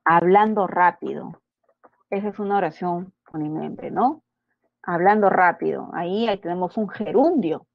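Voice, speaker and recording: A woman teaching a pre-university grammar lesson, explaining step by step and tagging her points with quick check-in questions. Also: lowish voice, creaky, dry recording, lo-fi sound. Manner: explanatory, constant tag questions. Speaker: language teacher.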